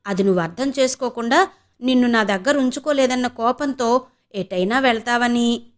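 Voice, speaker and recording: A woman's voice: fairly high pitch, moderate pace, lightly acted. A woman voicing a worried middle-aged mother who coaxes and frets over her daughter in an audio novel. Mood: anxious. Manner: coaxing, fretful.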